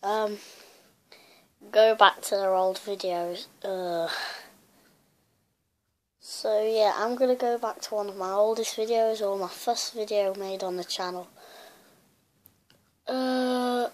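A woman's voice: medium pitch, fairly even intonation, slow pace, pauses often. A woman YouTuber chatting casually in a rambling, self-mocking way as she looks back at her old videos. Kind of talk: casual vlog commentary.

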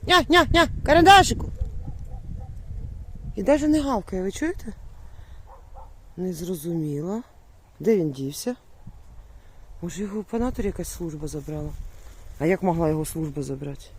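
A woman talking casually to the camera in a village yard, calling for her dog in high sing-song bursts. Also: expressive, brisk, long pauses, dark tone. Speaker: vlogger. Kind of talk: casual vlog narration. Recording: noisy outdoor recording. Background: animals and rural outdoor sounds.

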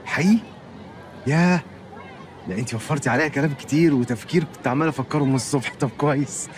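A man's voice: on the high side, quick pace, crowd noise, background noise, natural voice. An actor playing a lonely overweight young man, nervous and polite, talking in flustered comic patter in a film comedy. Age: young adult.

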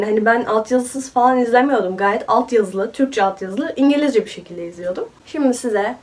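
A woman's voice: on the high side, a little mellow, distant mic. A woman in her twenties with a cold, chatting casually as a vlogger and laughing often. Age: 20s. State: sick with a cold. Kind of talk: casual chat.

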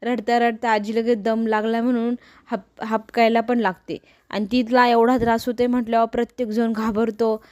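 A woman's voice: on the high side, level tone, moderate pace, darkish tone. A woman with a Marathi accent casually retelling a TV serial episode, lightly acting out the characters' lines as she goes. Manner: casual storytelling, acts out quoted dialogue lightly. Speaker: serial episode recap narrator.

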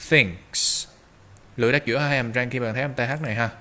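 A man teaching English pronunciation, drawing out slow model phrases between quick explanations. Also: medium pitch, steady tone, sharp tone. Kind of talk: pronunciation lesson.

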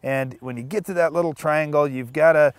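A man's voice: fairly high pitch, a little fast, smooth, dry recording. A man in his thirties co-hosting a farm show outdoors, explaining farm methods in an upbeat way. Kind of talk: casual farm talk. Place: outdoors in a green field.

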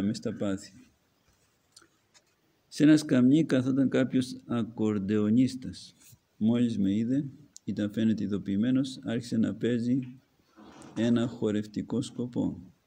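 A man's voice: on the low side, creaky, mellow, husky. A man, an Orthodox archimandrite, reads a book aloud as a homily and breaks off to add his own comments. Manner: reads narrative then pauses to comment.

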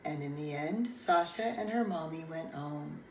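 Slow, expressive woman reading a storybook. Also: deep voice, a little hiss or hum. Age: middle-aged. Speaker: preschool teacher. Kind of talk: children's storybook read-aloud. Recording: roomy, distant mic, faint ambience.

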